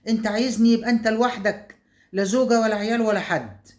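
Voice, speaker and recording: A scheming Egyptian mistress lays down her terms in a bossy, insistent rush, voiced by a woman storyteller. Her pitch sits high and the pace stays quick. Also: steady tone, darkish tone, close to an everyday voice. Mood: demanding. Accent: Egyptian Arabic. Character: demanding scheming young mistress.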